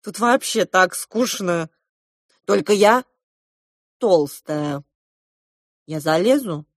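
Woman putting on a bossy loud landlady from a storybook, sassy and sharp-tongued. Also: on the low side, animated, no echo, clean studio sound. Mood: eager. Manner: bold, quick-tongued, scolding. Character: brash loud middle-aged hotel landlady, bossy.

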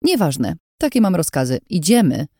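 A woman voicing a fierce, harsh young woman guard who snaps and shouts through gritted teeth. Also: deep voice, very animated, moderate pace, no echo, studio quality, exaggerated voice. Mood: stern.

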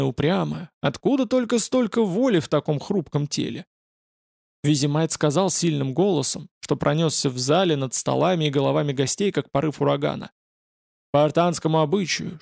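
A man narrating an audiobook in a measured, dramatic reading. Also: fairly high pitch, vocal fry, no echo, studio quality. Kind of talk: scripted narration.

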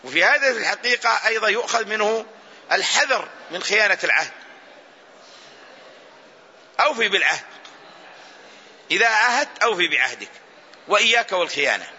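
A man, an Islamic scholar, giving a recorded lesson on Quran exegesis and explaining each word slowly with repeated phrases. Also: high-pitched, very animated, pushed and bright, breathy edge. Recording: dull lo-fi recording.

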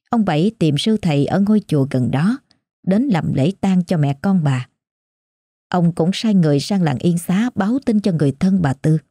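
A woman narrating a scripted ghost story in a measured, somber way. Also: lowish voice, warm tone, no room sound, clean studio sound. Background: faint music.

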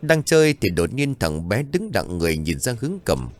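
Low-voiced man narrating a ghost story. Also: big pitch swings, normal speed.

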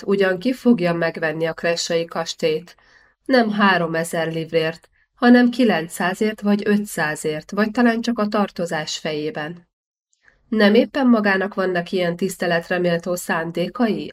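A woman's voice: fairly low pitch, lightly acted. A woman reading the lines of a bold young man who angrily rebukes a cheating official. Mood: indignant. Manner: cutting, righteous rebuke.

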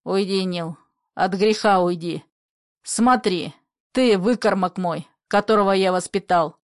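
A woman voicing an old father who shouts in bitter anger, in a play reading. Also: mid-range voice, slow, dry recording, studio quality, close to an everyday voice. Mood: angry. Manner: furious shouting.

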